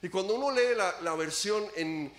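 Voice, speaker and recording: A man preaching a sermon as pastor, dramatic, acting out laments and swinging widely between loud and soft. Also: expressive, normal speed, roomy sound. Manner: dramatic preaching, acts out quoted laments, sweeping pitch and volume swings.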